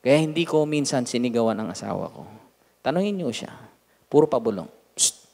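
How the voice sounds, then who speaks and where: A man with a Filipino accent delivers a sermon as pastor, his voice at a middling pitch. He swings between loud, emphatic lines and quiet asides, mixing in jokes. The sound rings with a long hall reverb. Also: brisk, vocal fry. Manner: lively preaching, swinging from loud to hushed, joking asides. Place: church hall.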